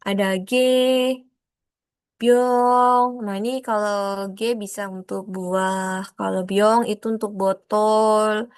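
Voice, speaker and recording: Woman, online teacher, explanatory and repetitive, dry video-call sound, mid pitch. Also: steady tone, slow, darkish tone, clean tone, no room sound. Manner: explanatory, repeats examples, frequent fillers. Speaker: Korean language teacher. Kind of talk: online class lesson.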